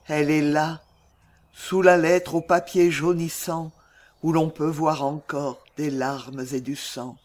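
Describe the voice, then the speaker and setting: A loving young noblewoman, played by a man speaks verse for a stage play. The voice sits high for a man and moves slowly. The delivery is earnest and emotional. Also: level tone. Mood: wistful.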